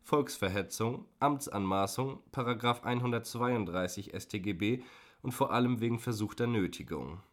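A man reading an audiobook, voicing a composed, sharp-witted female prosecutor who speaks precisely and with irony. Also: fairly low pitch, moderate pace, voice pushed up, lightly acted. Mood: accusing. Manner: precise, ironic.

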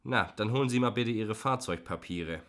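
A man's voice: fairly low pitch, normal speed, a bit bright, pitched above the performer's own voice. A man reading an audiobook, voicing a loyal, grinning male police officer who teases in a friendly way. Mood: teasing. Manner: teasing, friendly.

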